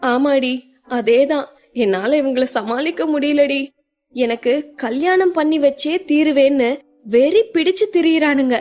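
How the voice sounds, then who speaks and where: A woman's voice: sits high, a little slow, darkish tone, faint music behind. A woman voicing a panicked young woman who pleads with her friend, sobbing between her words, in an audio story. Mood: tearful pleading.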